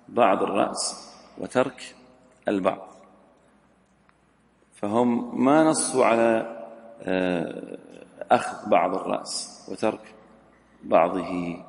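A man's voice: mid-range voice, gravelly. A man giving a religious lesson, reading a text aloud, then explaining it and quizzing his students. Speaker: religious teacher. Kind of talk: classroom lesson on a legal text. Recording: roomy hall with long echo.

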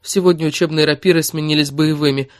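A man narrating an audiobook in a steady, expressive storytelling manner. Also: fairly high pitch, fast talker, dry recording, clean studio sound. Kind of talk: scripted narration.

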